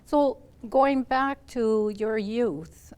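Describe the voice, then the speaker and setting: Woman host asking gentle questions. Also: fairly high pitch, very slow, smooth. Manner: gentle prompting, brief affirmations. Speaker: interview host. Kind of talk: interview questions.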